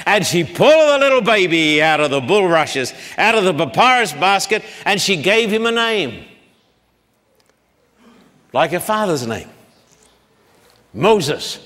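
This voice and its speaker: A man lectures publicly on the Bible at a blackboard, his fairly high voice fairly bright and marked by big pitch swings. He speaks slowly and deliberately, taking long names apart syllable by syllable, with a long reverb suggesting a large hall.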